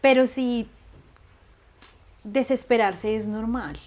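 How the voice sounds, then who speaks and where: A woman, chatting as an interview guest in an animated way, laughing often. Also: on the high side, slow. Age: 30s. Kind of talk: casual conversational interview.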